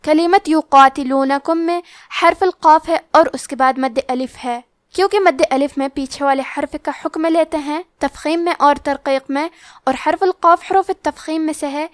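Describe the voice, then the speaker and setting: A woman with a Pakistani Urdu accent teaching Quran recitation rules, explaining each one in a measured way and then reciting the words slowly. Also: sits high, no echo, clean studio sound. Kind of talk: tajweed lesson with slow recitation.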